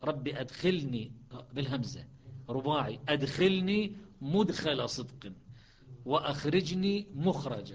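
A man patiently teaching the variant readings of Quran recitation, explaining methodically with frequent pauses and restarts. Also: mid-range voice. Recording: dull lo-fi recording.

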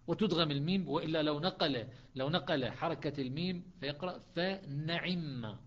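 Male Quran teacher, muffled recording. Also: fairly high pitch. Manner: explains step by step, breaks into slow chanted recitation. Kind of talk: classroom lesson on Quranic readings.

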